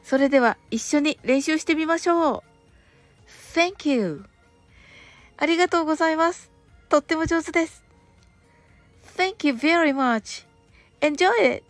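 A woman hosts a laid-back radio talk in a polite, gentle manner. Her voice sits a little high and sounds close and dry. Faint music plays under her, and she draws out English phrases slowly and carefully. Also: fairly even intonation, no echo. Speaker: radio show host. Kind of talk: relaxed scripted radio talk with English lessons.

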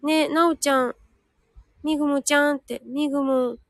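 Woman, live audio host; high voice, chatty, reads listener comments aloud and corrects herself as she goes; dry, close recording. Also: steady tone, moderate pace, no room sound. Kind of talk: casual live chat reading listener comments.

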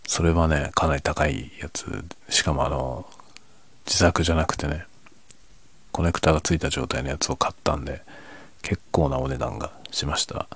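A man chatting casually and quietly late at night, half whispering as if others in the house are asleep. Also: extremely low pitch, fairly even intonation, moderate pace, husky, no echo. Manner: speaks quietly, half whispering, so as not to wake sleeping family. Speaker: host of a late-night audio chat. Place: at home at night. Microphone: microphone without windscreen, slightly backed away.

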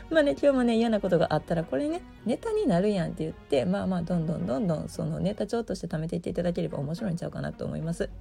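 大阪なまりのガラガラ声の女性. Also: female voice, lowish voice, lively intonation, rapid-fire, hardly any pauses, mellow, soft background music. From Osaka, Japan. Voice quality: gravelly, hoarse morning voice. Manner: chatty, self-deprecating. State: just-woken morning hoarseness. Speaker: host, aromatherapy shop presenter. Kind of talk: casual solo talk show.

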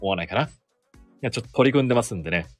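A man's voice: medium pitch, expressive, very fast, no room sound, soft background music. A sports announcer in his thirties hosting a solo podcast, chatting casually and self-deprecatingly about his work. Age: 30s. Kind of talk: casual solo radio-style chat.

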